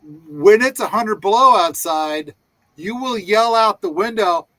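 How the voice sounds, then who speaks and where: A man hosting a casual discussion, speaking slowly and eagerly with plenty of restarts and asides. His voice sits a little high, and the sound is close and dry. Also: expressive, fairly bright tone, no echo. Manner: enthusiastic, rambling with many restarts. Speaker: host.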